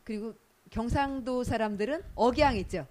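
A woman hosting a casual community radio chat, lively and quick to laugh. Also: a little high. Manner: lively, laughs often, plays out quick examples. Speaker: radio host.

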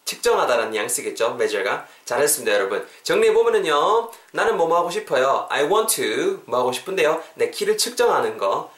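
A man hosting a casual podcast English lesson, chatty and animated, with joking asides between explanations. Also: a little high, brisk, few pauses, echoey room, recorded from a distance. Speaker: English teacher, podcast host.

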